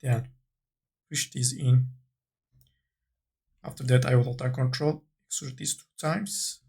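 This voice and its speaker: Thinking aloud step by step, a man with a husky, gravelly voice walks through a software tutorial in an unscripted, instructional way. His pitch is medium and his intonation fairly even, and he proceeds slowly in short, halting phrases.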